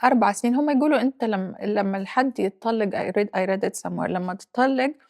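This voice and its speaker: A Libyan-accented woman in her forties tells her story in an interview. She is reflective and halting, slipping English phrases in as she goes. Her voice has a gravelly, creaky texture. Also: medium pitch, a little mellow. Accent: Libyan Arabic. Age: 40s. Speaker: guest. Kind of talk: personal interview.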